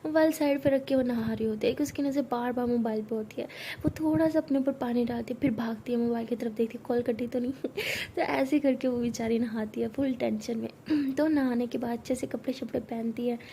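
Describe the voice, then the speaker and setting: A woman's voice: a little high, fairly quick, mellow, slight background noise. Chatty young woman telling a story. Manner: chatty, uses many fillers. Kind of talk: casual spoken storytelling.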